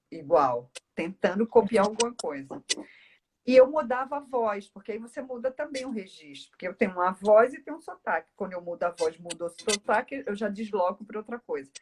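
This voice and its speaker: Her voice is on the high side, with a bit of hiss or hum in the recording. She's a speech therapist from Northeast Brazil with a Brazilian accent, giving long, casual explanations as an interview guest.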